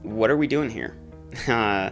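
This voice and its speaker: A man's voice: lowish voice, slow, fairly bright tone, soft background music. An eighteen-year-old man talking earnestly and with determination to camera in a casual vlog about his filmmaking goals. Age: teens. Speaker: aspiring filmmaker.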